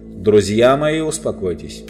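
A man voicing a stern but kindly king and father in a storybook reading, firm and measured. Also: fairly low pitch, expressive, over music.

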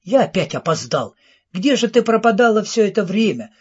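Man voicing an excitable gushing storyteller. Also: high-pitched, slightly rough, lo-fi sound, voice pushed up, full character voice. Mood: excited, gushing. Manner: breathless, gushing, rapid-fire questions. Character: excitable famous male storyteller, warm, rushed.

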